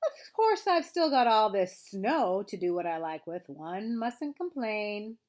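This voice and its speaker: A woman voicing a gloomy, self-pitying, sarcastic male toy donkey in a children's story, with a slow, melancholy, drawn-out delivery. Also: medium pitch, sing-song, darkish tone, voice pushed up.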